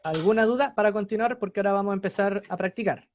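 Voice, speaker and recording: High-voiced Chilean man teaching English. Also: fast, dull audio, slight background noise. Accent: Chilean Spanish. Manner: patient, explanatory, repeats examples. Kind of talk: online class explanation.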